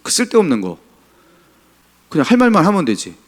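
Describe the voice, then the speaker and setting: A middle-aged pastor preaching a Sunday sermon in a church, asking the congregation questions. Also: male voice, a little high, huge pitch swings, brisk. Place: church sanctuary.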